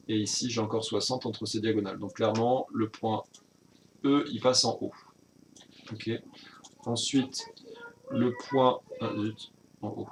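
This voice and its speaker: A man's voice: lowish voice, a little hiss or hum. A man teaching a recorded virtual class recap, explaining step by step with frequent hesitations and self-corrections.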